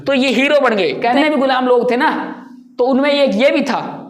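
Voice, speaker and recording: A woman's voice: high-pitched, moderate pace, over a noisy crowd. A woman teaching a general knowledge lesson, asking a question and then answering it herself, and repeating key points. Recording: echoey room.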